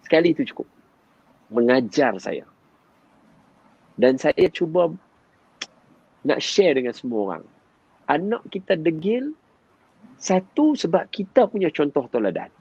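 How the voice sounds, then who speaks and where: A man, telling a story in an animated way and often turning to address his listener directly. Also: fairly high pitch, a little slow, pauses often, slightly rough, no echo, lo-fi sound. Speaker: guest father sharing parenting experience. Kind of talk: storytelling in conversation.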